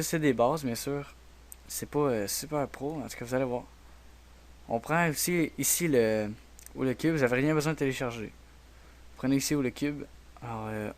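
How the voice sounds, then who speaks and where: A man with a Québécois French accent hosting a software tutorial, talking quietly and hesitantly with many fillers. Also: medium pitch. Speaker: tutorial host. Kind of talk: screen-recorded software tutorial.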